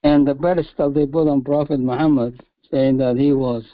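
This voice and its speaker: A man in a study group sharing a comment in slow, halting speech, repeating words as he goes. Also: mid-range voice, level tone, no room sound, phone-quality sound. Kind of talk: casual discussion comment.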